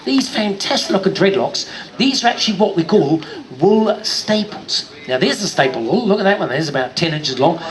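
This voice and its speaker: Higher-voiced New man, jokey showman. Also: lively intonation, moderate pace, crowd noise. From New Zealand. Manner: jokey showman, addresses kids and audience. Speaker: sheep show presenter. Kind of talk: live show commentary for a crowd. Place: live show stage before an audience.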